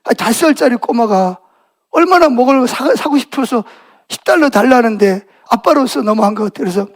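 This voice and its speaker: A man's voice: very high-pitched, lively intonation, brisk. A middle-aged male pastor giving a Sunday morning sermon in a church, telling stories animatedly and asking the congregation questions. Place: church sanctuary.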